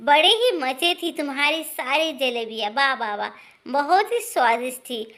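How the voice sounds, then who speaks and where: A woman's voice: sits high, expressive, normal speed, a bit bright. A woman voicing a food-loving young village wife who talks sheepishly and pleads.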